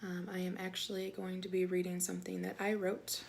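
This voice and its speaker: A woman talking casually about faith and reading her devotional blog aloud, soft-spoken with many fillers. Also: lowish voice, monotone, fairly quick, vocal fry, a little hiss or hum.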